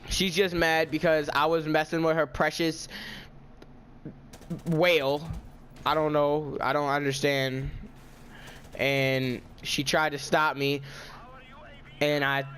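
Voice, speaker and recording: A man's voice: a little high, little pitch movement, slow pace, pauses often, fairly bright tone, slight background noise. A teenage boy telling a storytime vlog in a casual, indignant, ranting way. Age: teens. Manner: indignant, ranting, self-justifying.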